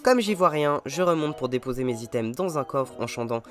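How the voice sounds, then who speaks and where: A man's voice: mid-range voice, lively intonation, brisk, fairly bright tone. A young man narrating his own gameplay in an upbeat, self-mocking voice-over. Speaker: gaming YouTuber. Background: game music.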